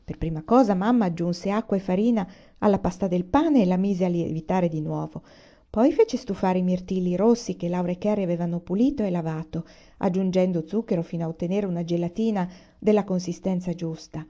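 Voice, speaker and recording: A woman reading a novel aloud in an expressive storytelling manner. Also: fairly low pitch, fairly quick, highs cut off. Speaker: reader. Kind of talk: audiobook reading.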